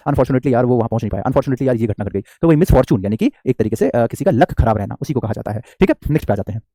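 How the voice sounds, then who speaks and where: A man's voice: mid-range voice, mellow, dry recording, clean studio sound. A man teaching English vocabulary in a live online class, chatty and joking, calling his students "beta" and reading their comments aloud.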